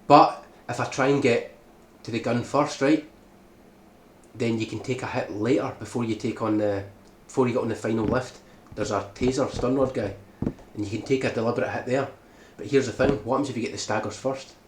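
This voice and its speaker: A man narrating a speedrun tutorial uses a mid-range voice with fairly even intonation and a fairly quick pace. He explains the strategy while constantly checking in with "right?", and the recording has echo and background noise.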